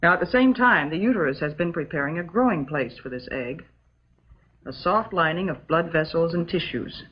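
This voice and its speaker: In an old educational film, an actress with an American accent plays a calm, motherly substitute teacher, her voice sitting low. She delivers a scripted classroom lesson in a measured, patient, prim, instructive manner. The soundtrack is dull and muffled.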